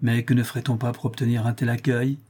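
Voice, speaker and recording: A man's voice: mid-range voice, flat delivery, quick pace, dark tone, slightly rough, natural voice. A man reading an audiobook voices a vain, cheerful nobleman in a gallant, self-satisfied manner.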